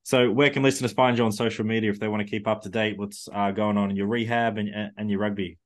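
A man's voice: lowish voice, flat delivery, fast talker. A man speaking casually as a podcast host in an interview chat.

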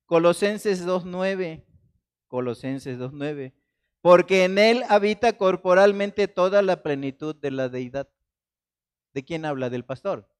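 A man from Mexico with a high-pitched voice preaches a Sunday sermon. He swings between raised, forceful emphasis and quiet, hushed quotations of scripture. The delivery is dramatic and personal. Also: clean tone. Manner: dramatic, shifts between loud emphasis and soft quoted asides. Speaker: pastor. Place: church.

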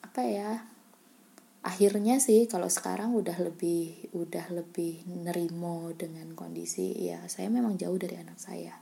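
A woman recounts a personal story in an interview with a mellow, gravelly voice. She speaks candidly and softly, often sinking into a breathy near-whisper, with fillers and restarts along the way. A faint hiss of background noise sits under the recording. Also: on the low side. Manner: soft, often slipping into breathy half-whisper. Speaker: interviewee, scholarship student abroad.

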